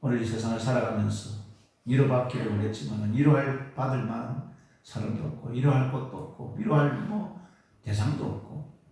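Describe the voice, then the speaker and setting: A man's voice: mid-range voice, fairly quick, warm tone. A male pastor preaching a Sunday sermon in an earnest, coaxing way, often repeating phrases and prompting the congregation. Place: church sanctuary during Sunday service. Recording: echoey church hall from far off.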